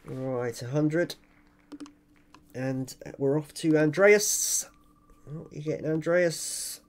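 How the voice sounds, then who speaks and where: A man's voice: a little high, takes it slowly. A man hosting an online prize draw, announcing winners in a casual, chatty, informal way and talking directly to viewers. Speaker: online giveaway host and video channel owner.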